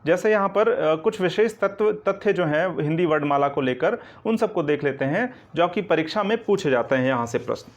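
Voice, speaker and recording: A man with a fairly high voice teaches Hindi grammar in an online coaching lecture. He goes step by step, keeps checking in with the listener, and answers his own questions. The recording sounds dull and lo-fi. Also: expressive, brisk, hardly any pauses. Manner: explains step by step, repeating "ठीक है ना" and asking questions back.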